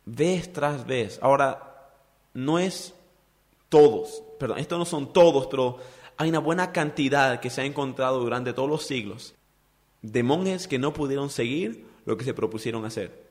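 A man's voice: mid-range voice, normal speed, a little mellow, in a large hall. A man preaching a sermon, asking the congregation rhetorical questions and acting out quoted voices. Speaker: pastor.

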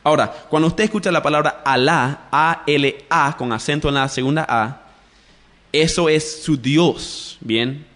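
A man's voice: fairly high pitch, moderate pace, fairly bright tone. A man giving a religious radio teaching in a didactic way, addressing listeners directly and spelling out words letter by letter. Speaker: radio preacher.

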